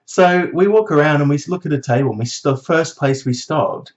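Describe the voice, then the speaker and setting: A man telling a story in a casual vlog, animated and swearing, mocking others in high voices. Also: moderate pace, highs cut off. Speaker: vlogger.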